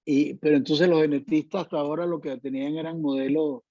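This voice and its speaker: A man with a dark, mellow voice asks the speaker a question at an online seminar, stumbling and repeating himself as he searches for words. His audio is dry and dull, like a lo-fi video call. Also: a little high, steady tone, fast talker, dry recording. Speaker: audience member asking a question. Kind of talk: academic question.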